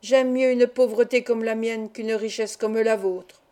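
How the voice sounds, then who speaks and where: A poor but honest master mason, as a woman reads him in an audiobook novel, pleading with a proud edge. The voice is a touch high and mellow in tone. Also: steady tone, measured pace, close to an everyday voice.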